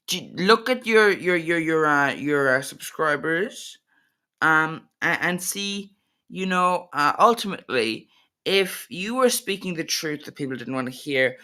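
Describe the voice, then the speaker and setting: A man's voice: a little high, expressive, unhurried, pushed and bright. A man reacting to a video, giving hesitant, rambling casual commentary.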